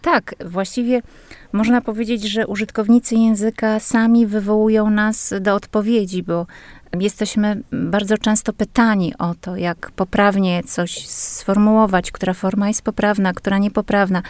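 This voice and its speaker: A woman linguist explaining language rules in a measured, patient way, speaking as a guest on a radio interview. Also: mid-range voice, level tone, darkish tone, no room sound.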